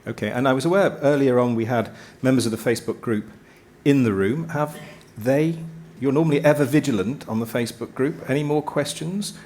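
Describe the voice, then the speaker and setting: A man moderating a live event, briskly passing on questions from the audience. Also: mid-range voice, a little mellow.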